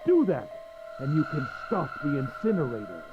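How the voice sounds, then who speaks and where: A woman's voice: low voice, huge pitch swings, moderate pace, lo-fi sound, noisy background, pitched below the performer's own voice. A woman voicing a smug, cruel middle-aged man villain in a pompous, mocking way while reading a visual novel aloud.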